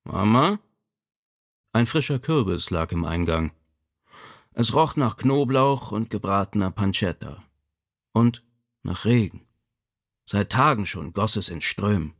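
A man reading a novel aloud as narrator, measured and expressive. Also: on the low side. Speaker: audiobook narrator. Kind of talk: scripted narration.

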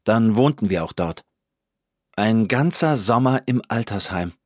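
A man reading a first-person story aloud in a calm, dry, wry storytelling manner. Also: lowish voice, unhurried, no echo. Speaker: narrator.

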